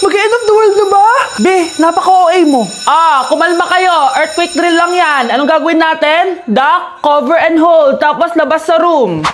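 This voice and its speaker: A woman's voice: very high-pitched, moderate pace, slight background noise. A woman performing a comedy sketch, switching between several classroom characters. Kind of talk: skit acting.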